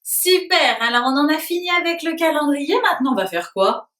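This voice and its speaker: A woman teaching a lesson to small children at home, asking simple questions in a slow, sing-song voice and praising their answers. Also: high voice, lively intonation, fairly bright tone, far from the mic. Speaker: preschool teacher. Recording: roomy echo, voice a little off-mic.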